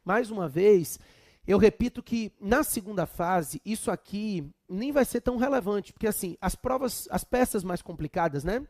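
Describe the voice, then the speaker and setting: A man's voice: high voice, animated, normal speed, a little mellow, no echo, studio quality. A man with a Brazilian accent giving a chatty law exam prep lecture with humorous asides. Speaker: law teacher.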